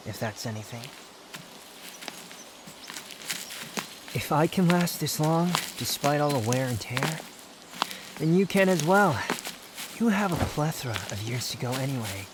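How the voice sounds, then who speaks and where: A man playing an aloof, brooding young male wanderer, haughty yet tender, in a measured, pensive roleplay ASMR monologue. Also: medium pitch, a little hiss or hum, lightly acted. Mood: weary, resolute. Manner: measured, pensive, dramatic pauses.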